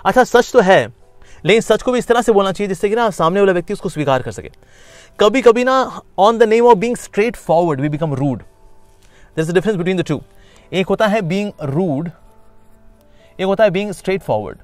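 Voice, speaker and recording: A man teaching a spiritual course, mixing Hindi and English, lively and explanatory, sometimes acting out inner voices with sing-song repetition. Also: high-pitched, unhurried, dry recording, faint music behind. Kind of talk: Gita lecture.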